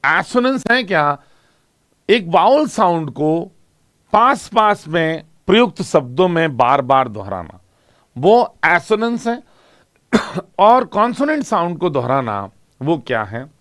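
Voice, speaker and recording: A man teaching an English exam class, asking questions and answering them himself and reading example lines slowly. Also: on the high side, sing-song, a bit bright, no echo, studio quality. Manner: explains in Hindi with English terms, asks and answers own questions. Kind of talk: classroom lecture.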